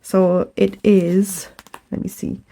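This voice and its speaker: A young British woman giving a relaxed, rambling crochet tutorial at home, chatting casually with plenty of fillers. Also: mid-range voice, takes it slowly, gravelly, poor audio. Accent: British English. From England. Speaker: crochet vlogger. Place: home, indoors.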